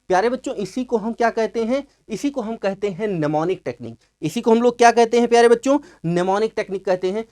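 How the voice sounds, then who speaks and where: This man's voice sits high yet sounds darkish as he teaches vocabulary for an English exam. He questions his class and answers himself, lengthening key words for emphasis.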